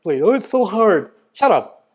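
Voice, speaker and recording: An Islamic lecturer with a high-sitting, somewhat mellow and slightly rough voice speaks unhurriedly, his pitch swinging widely. His motivational talk is blunt and emphatic, full of rhetorical questions and teasing jabs at the audience.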